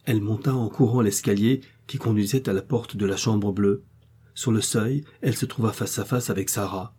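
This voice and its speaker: Dark, husky male narrator. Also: lowish voice, moderate pace. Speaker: audiobook narrator. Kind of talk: scripted narration.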